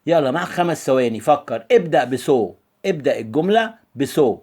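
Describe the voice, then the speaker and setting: A man with an Egyptian Arabic accent gives a lively grammar review lesson as an English teacher, often acting out imagined student questions. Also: medium pitch, a little fast, slightly rough.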